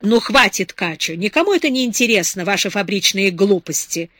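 A woman's voice: extremely high pitch, huge pitch swings, normal speed, no room sound, pitched above the performer's own voice, heavily acted. A woman reading an audiobook, voicing a spoiled young woman who speaks capriciously. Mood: petulant. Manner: capricious, whiny.

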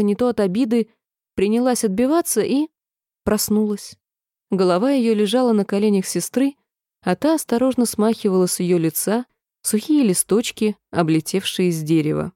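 Mellow-voiced woman reading a storybook. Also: mid-range voice, dry recording, clean studio sound. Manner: expressive, measured storytelling. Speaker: audiobook narrator. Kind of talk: storybook audiobook narration.

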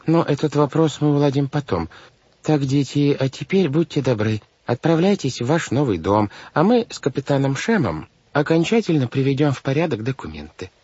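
A man's voice: mid-range voice, lively intonation, normal speed, a little mellow, husky, dry recording, pitched above the performer's own voice. A man reading an audiobook, voicing a fussy, well-meaning guardian who frets over the children. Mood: placating. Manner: fussy, fretful, raised voice. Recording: dull lo-fi audiobook recording.

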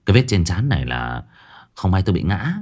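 A man's voice: low-pitched, very animated, fairly quick, a little mellow. A man doing a brash, cursing spirit medium. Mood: cheerful denial. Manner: blustering, then roaring curses. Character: brash tattooed male spirit medium, young.

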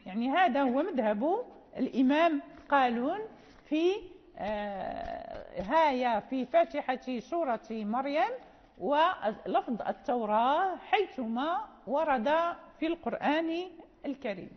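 A woman teaching Quran recitation rules, explaining slowly and repeating phrases with checking questions. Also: high voice, expressive. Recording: dull lo-fi sound in a reverberant hall.

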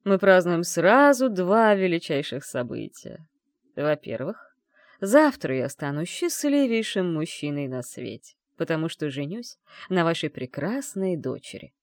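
A woman's voice: lowish voice, very animated, measured pace, dry recording, clean studio sound. A woman voicing a smug, arrogant young male fiancé with a drawling delivery.

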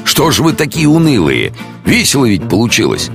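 A man's voice: mid-range voice, wildly swooping pitch, fairly quick, gravelly, over music, pitched above the performer's own voice. A man voicing the boisterous, mocking ghost of an old sea commodore in an audiobook. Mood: jovial. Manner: loud, jovial, mocking.

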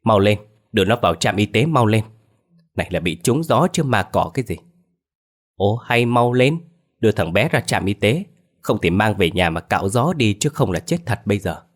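A man's voice: fairly low pitch, animated, normal speed. A man voicing an impatient village elder who scoffs at ghosts. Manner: impatient, scolding. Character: gruff skeptical village elder.

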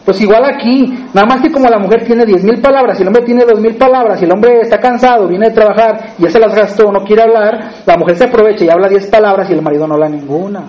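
A man's voice: sits high, fast talker, few pauses, highs cut off. A man with a Mexican accent preaching a sermon in a conversational way, often asking the congregation questions. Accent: Mexican Spanish.

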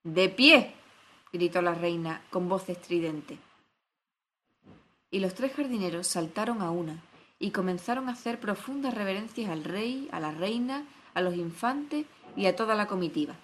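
A woman narrating a storybook in a clear, even storytelling manner. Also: fairly low pitch, normal speed, a little hiss or hum.

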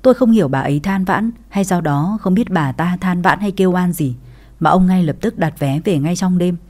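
A woman's voice: lowish voice, moderate pace, darkish tone. A woman narrating a family drama in the first person, in a dramatic storytelling manner.

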